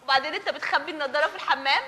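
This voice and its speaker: An actress with an Egyptian accent playing an exasperated mother of four daughters, complaining loudly and theatrically on stage. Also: high-pitched, very fast. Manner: loud, wailing, theatrical complaining. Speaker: stage actor. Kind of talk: live comedic stage acting.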